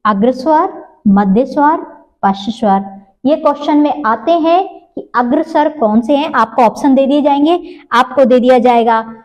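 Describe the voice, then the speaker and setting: A woman teacher giving a grammar lesson, asking the class questions and answering them herself, repeating points slowly and stretching out sounds. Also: high voice, a little mellow, poor audio.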